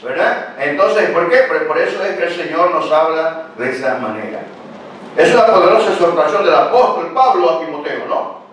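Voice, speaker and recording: A man's voice: on the high side, lively intonation, moderate pace, a bit bright, slight background noise. Older male pastor in an echoey hall. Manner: conversational preaching with frequent rhetorical questions. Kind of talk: sermon. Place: church hall. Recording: very echoey church hall, picked up from a distance.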